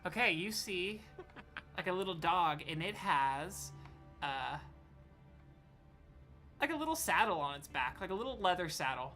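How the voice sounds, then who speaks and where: A woman's voice: on the low side, lively intonation, a little slow, pauses often, a bit bright, faint music behind. A woman running a tabletop role-playing game as game master, talking casually with lots of fillers. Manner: casual, rambling, many fillers.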